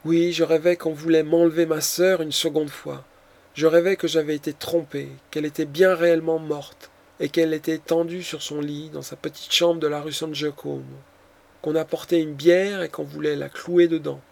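A man's voice: on the high side, little pitch movement, moderate pace, vocal fry, darkish tone. A man reading the part of a frightened nobleman, a count, in an audiobook, with frantic, anguished delivery. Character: terrified panicking nobleman, a count.

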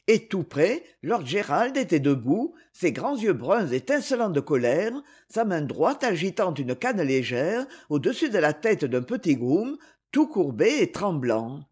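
A woman narrating a novel aloud in an expressive storytelling manner. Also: on the low side, measured pace, husky. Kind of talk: audiobook narration.

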